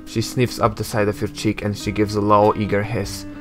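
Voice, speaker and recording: A man voicing a sharp-tongued young tiefling woman in a game, mocking and teasing as he reads her lines. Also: on the low side, flat delivery, normal speed, music in the background, lightly acted.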